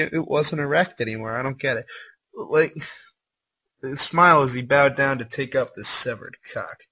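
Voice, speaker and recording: On a livestream with poor audio, a man of medium pitch gives a mocking dramatic reading of a fan story in a bright, forceful, husky-edged voice. Like an amateur reader and commentator, he interjects incredulous remarks and laughs.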